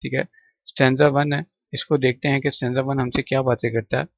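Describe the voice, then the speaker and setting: A man teaches a textbook poem, listing synonyms slowly and repeating them so students can follow. His voice sits at a middle pitch. The recording is close and dry, with a slightly dull, muffled tone. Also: flat delivery, no echo. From Pakistan. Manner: patient, repeats words slowly, lists synonyms one by one. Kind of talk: classroom explanation of a textbook poem.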